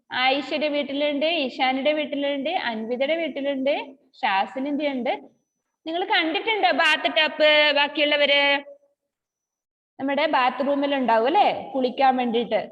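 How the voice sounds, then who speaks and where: A woman teaching an online kindergarten class, chanting words slowly in a sing-song way and coaxing her young pupils to answer. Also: high voice. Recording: dull lo-fi audio with long reverb.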